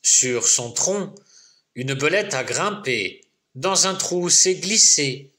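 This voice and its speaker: A male storyteller reads a children's tale aloud at a very unhurried pace. His voice sits slightly high and sounds bright and clear. The telling is rhythmic and playful. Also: lively intonation.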